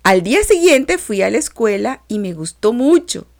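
[name], a woman reading as a six-year-old girl. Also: on the high side. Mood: cheerful. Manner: slow, sing-song, very expressive. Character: cheerful six-year-old girl telling her dream. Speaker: reader of a children's lesson. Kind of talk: storybook reading for children.

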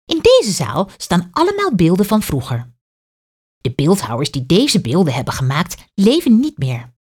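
A woman's voice: on the low side, huge pitch swings, moderate pace, a little mellow, breathy edge, heavily acted. Woman doing a kindly museum guide lady. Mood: explaining. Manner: explaining, kindly.

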